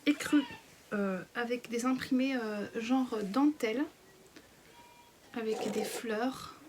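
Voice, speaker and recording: Woman, 30s, sewing vlogger; casual, filler-heavy, breathy half-whisper, voice a touch high, faint hiss behind. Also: steady tone, slow pace. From France. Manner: hesitant, many fillers, frequently whispery. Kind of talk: casual fabric haul chat.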